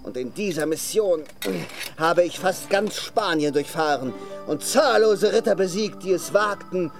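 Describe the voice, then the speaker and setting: High-voiced, pompous lovesick knight. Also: male voice, measured pace, over music. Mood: boastful. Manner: declamatory, pompous. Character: boastful lovesick knight, theatrically mournful and challenging. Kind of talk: German radio play acting.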